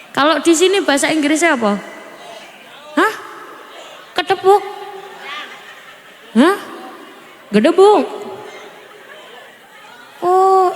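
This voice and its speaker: High-voiced woman preaching in an echoey hall. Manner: animated, asks the audience questions and teases. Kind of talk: lively village sermon with jokes and crowd questions. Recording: echoey hall over PA, faint noise.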